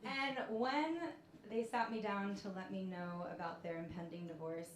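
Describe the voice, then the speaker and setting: A woman in her thirties doing a stand-up comedy set, telling stories in a deadpan way. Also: medium pitch, moderate pace, slight background noise. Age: 30s. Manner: deadpan storytelling with punchlines. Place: comedy club stage with laughing audience. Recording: echoey club room.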